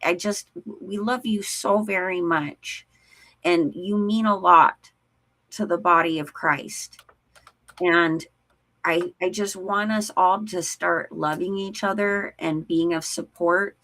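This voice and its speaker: Slow, low-voiced chatty woman. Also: steady tone, a bit bright. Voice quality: Valley-girl inflection. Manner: chatty, laughs often, says "like" a lot. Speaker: co-host of a live stream show. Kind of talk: casual live-stream chat.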